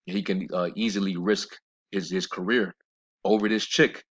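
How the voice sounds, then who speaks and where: Speaking informally about scripture, this religious commentator is blunt and scornful, wandering through fillers and restarts before slowing to a measured pace to read the verses. His low voice is steady, a bit bright and edged with breathiness, on a dull lo-fi recording.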